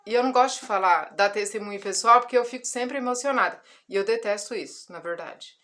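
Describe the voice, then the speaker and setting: A woman's voice: medium pitch, quick pace, fairly bright tone. A woman in her forties gives a personal testimony in a casual vlog, telling a story with emotion and acting out the dialogue. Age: 40s. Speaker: ministry vlogger.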